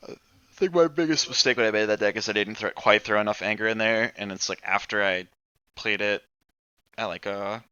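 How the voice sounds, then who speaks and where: A man with a very bright, crisp voice, a touch low, hosts a laid-back gaming chat. He talks loosely, peppering his speech with "like", "uh" and the odd curse word. The recording is dry and slightly dull. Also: fairly quick, dry recording. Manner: loose, swears freely, fills with "like" and "uh". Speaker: podcast host.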